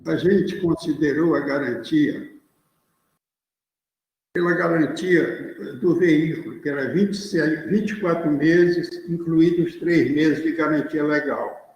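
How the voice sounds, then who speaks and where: A man serving as expert witness, answering questions in a hesitant, measured way over a video call. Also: fairly high pitch, darkish tone, heavy reverb, long reverb tail, poor audio.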